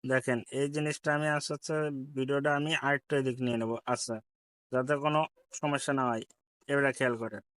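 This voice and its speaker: A man with a Bangladeshi Bengali accent talks viewers through an editing app one step at a time. He keeps circling back to repeat each instruction. His voice is smooth and clear, recorded close and dry with no room sound. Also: medium pitch, fairly even intonation, fast, fairly bright tone, no echo. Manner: repetitive step-by-step instruction, addresses viewers politely. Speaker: tech tutorial host. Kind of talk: screen-recorded app tutorial.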